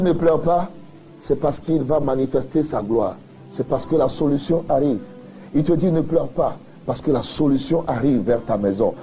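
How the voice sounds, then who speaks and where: A pastor preaching a sermon, building emphatic repeated refrains and addressing the listener directly. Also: male voice, on the high side, mellow, poor audio.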